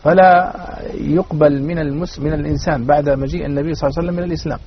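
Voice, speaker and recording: Fast-talking man in formal standard Arabic. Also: a little high, steady tone. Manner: formal standard Arabic, preacherly, addresses listeners as brothers. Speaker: religious panel speaker. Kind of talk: religious panel discussion in formal standard Arabic. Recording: dull, noisy radio-like sound.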